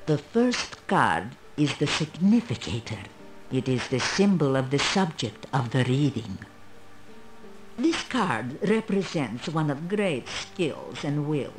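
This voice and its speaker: Old female fortune teller, video game character, slow solemn delivery, sweeping intonation, mysterious, proud. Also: deep voice, big pitch swings, soft background music, heavily acted, poor audio.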